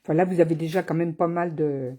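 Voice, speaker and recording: A woman's voice: deep voice, fairly even intonation, quick pace, dark tone. A woman running a live card-making tutorial as a craft demonstrator, chatty and teasing, speaking to viewers by name. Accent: has an accent, not named.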